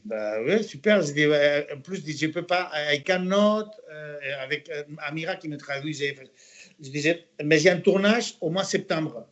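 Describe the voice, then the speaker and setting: A male actor recounts anecdotes in a chatty interview, full of restarts and switches into English. His voice sits a bit high. The sound is a little muffled and lo-fi. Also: normal speed. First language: Catalan. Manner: animated storyteller, many restarts, mixes in English phrases. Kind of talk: casual anecdote-telling interview.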